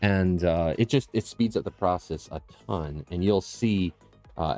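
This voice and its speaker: A low-pitched, dark-toned man chats loosely with viewers on his live painting stream, explaining his digital work as he goes. He rambles, trails off, and restarts sentences, speaking into a processed close condenser mic in a small tile-floored room.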